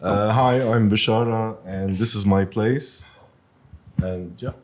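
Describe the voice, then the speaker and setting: A man from Lebanon who owns a pizzeria, talking casually in an interview with many pauses and fillers. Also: fairly low pitch. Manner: hesitant, many fillers, soft-spoken. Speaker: pizzeria owner. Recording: faint background noise.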